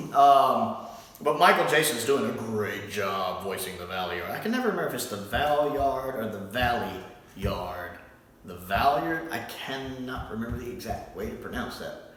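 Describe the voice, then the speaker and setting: A man's voice: mid-range voice, very animated, moderate pace, fairly bright tone. A man giving a casual spoken review, rambling and thinking aloud with frequent restarts. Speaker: audio drama reviewer. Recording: echoey room, far from mic.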